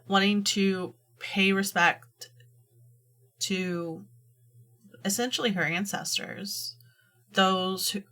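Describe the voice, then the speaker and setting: A drag queen host giving casual, candid, sweary reaction commentary with an expressive delivery. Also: medium pitch.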